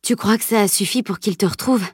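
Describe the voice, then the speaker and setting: A woman's voice: medium pitch, a little fast, a little mellow, breathy edge, no room sound, clean studio sound. A woman reading an audiobook voices a teenage boy who grumbles and jokes to keep up courage. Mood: worried.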